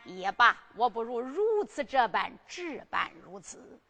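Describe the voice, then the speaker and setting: Brief: female ballad storyteller, sung and spoken narration, bright high tone, light instrumental backing. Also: big pitch swings, creaky, faint music behind. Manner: drawn-out sung phrases with exclamations.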